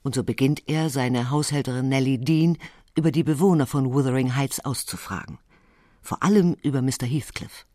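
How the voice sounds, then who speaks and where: Male documentary narrator, measured. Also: medium pitch, dark tone, no echo, studio quality.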